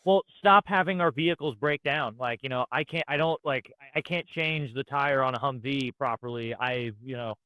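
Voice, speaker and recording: A man's voice: mid-range voice, moderate pace, few pauses, pushed and bright, dry recording. Man, veteran, teasing podcast banter, dry sound, medium voice. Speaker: military veteran podcast guest. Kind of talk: casual podcast chat.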